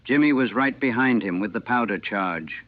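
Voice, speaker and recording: Old-recording voice of a low-pitched older man. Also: normal speed, no echo. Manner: plain, matter-of-fact, clipped sentences. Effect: old 1940 recording. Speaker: navy veteran recalling a battle. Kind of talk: first-person war reminiscence. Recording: thin, dry, phone-like old recording.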